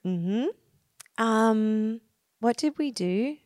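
An Australian woman co-hosting a podcast in animated casual chat, acting out her own thoughts. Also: a little high, drawn-out words, no echo, studio quality. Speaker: podcast co-host.

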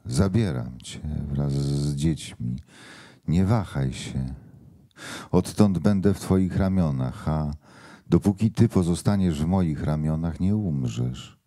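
A man's voice: extremely low pitch, animated, slow, warm tone, exaggerated voice. A man reading the lines of a young man pleading with the woman he loves, in a book reading.

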